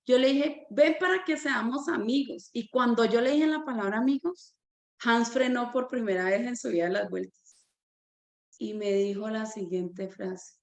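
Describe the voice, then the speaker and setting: A woman who directs a Sunday school, telling a personal testimony in a church teaching as a lively storyteller. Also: on the high side, normal speed, roomy sound.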